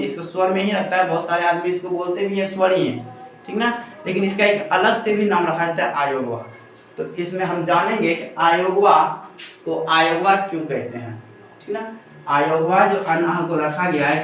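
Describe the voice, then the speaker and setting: A man from Bihar, India, teaches a classroom-style Hindi grammar lesson, repeatedly asking questions and answering them himself. His voice is high and a bit bright. The mic is far off in a very echoey room, with slight background noise.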